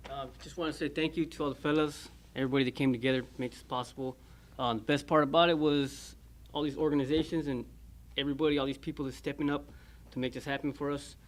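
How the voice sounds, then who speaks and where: A man quickly thanking everyone at a graduation. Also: fairly high pitch, steady tone. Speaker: program graduate.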